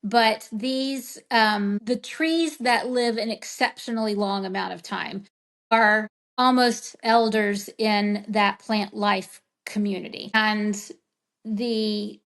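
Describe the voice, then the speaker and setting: A woman in a casual group conversation, talking in a meandering, reflective way with many fillers. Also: mid-range voice. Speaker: medium in group session.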